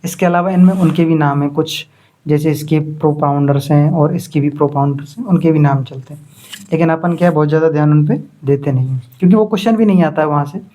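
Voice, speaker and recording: A man's voice: on the high side, warm tone. A man, lecturing to students and explaining points by repeating and contrasting them. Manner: explains by contrast and repetition, reads English terms slowly. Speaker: teacher. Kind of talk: classroom lecture.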